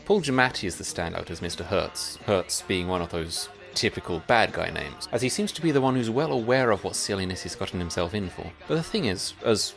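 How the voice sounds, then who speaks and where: Low gravelly man reviewing films. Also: fairly bright tone. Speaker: co-host of a film review show. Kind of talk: scripted film review.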